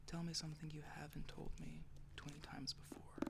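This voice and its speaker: A man's voice: a little high, monotone, moderate pace, vocal fry. A man reading a book aloud in an unvoiced ASMR whisper, carefully, with finger tapping and clicks. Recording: noisy, loud hiss and clicks.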